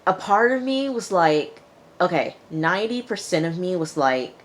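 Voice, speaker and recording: Recapping reality TV, this woman is casual, conversational and opinionated, acting out people's quotes as she goes. Her voice is on the low side with big pitch swings, delivered at a normal speed.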